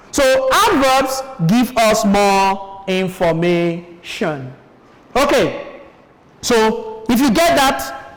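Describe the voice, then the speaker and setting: A woman's voice: on the high side, a little hiss or hum. A Nigerian woman teaching a televised primary-school lesson, asking questions and repeating sentences for pupils. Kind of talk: classroom lesson on TV. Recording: echoey room with long reverb.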